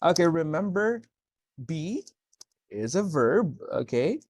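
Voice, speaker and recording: A man's voice: on the high side, very animated, slow pace, darkish tone, dry recording. A man tutoring English one-to-one, explaining corrections step by step and checking understanding with "okay?". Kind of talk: one-to-one speaking lesson.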